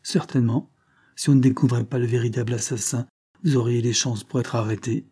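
A man's voice: medium pitch, steady tone, brisk, dark tone, breathy edge. A man reading a curious police agent. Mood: startled. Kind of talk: audiobook reading of a novel.

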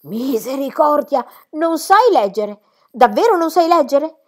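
Strict governess, shrill, indignant, high-pitched, loud, woman reader voicing her. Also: wildly swooping pitch, moderate pace. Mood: horrified. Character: stern strict middle-aged governess.

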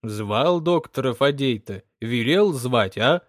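A man voicing a stern, reproachful village priest who scolds slowly and loudly. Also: mid-range voice, lively intonation, no echo, studio quality. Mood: scolding.

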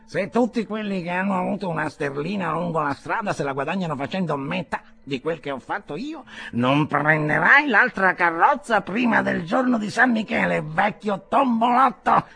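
A man voicing a sly, cackling old male tollkeeper who answers in high, mocking, drawn-out replies. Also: vocal fry, bright, forceful tone, heavily acted.

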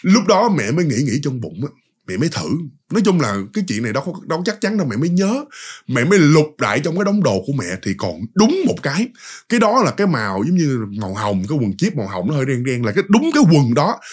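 A man's voice: a little high, fast, slightly rough. A man with a Southern Vietnamese accent casually retelling a ghost story, chatty and speaking straight to his listeners. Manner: animated, chatty, addresses listeners directly.

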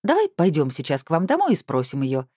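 A sly, teasing woman, as the reader plays her in an audiobook, her lines lifted high and swinging wide in pitch. Underneath, the voice stays mellow and dark in tone, recorded close and dry. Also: wildly swooping pitch, brisk, no room sound, full character voice. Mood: mocking. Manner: bright, teasing, raised voice. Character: sly, mocking woman feigning innocence. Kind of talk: audiobook character voice.

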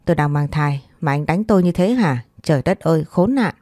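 A woman's voice: deep voice, lively intonation, a little fast, warm tone, dry recording, studio quality. A woman voicing a spoiled, hot-tempered young wife who quarrels shrilly. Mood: angry.

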